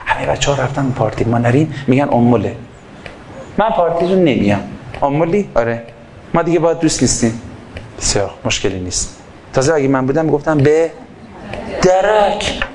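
High-pitched guy preaching hard into a mic, gets loud then goes quiet, acts out back-and-forths. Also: animated, slight background noise. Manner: swings between loud fervor and quiet asides, acting out dialogues. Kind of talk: impassioned sermon. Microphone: microphone.

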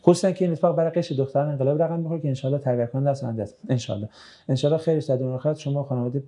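Brisk male religious teacher, mellow tone. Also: mid-range voice, steady tone. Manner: brisk, conversational, with dry joking asides. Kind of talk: reading out and answering audience questions.

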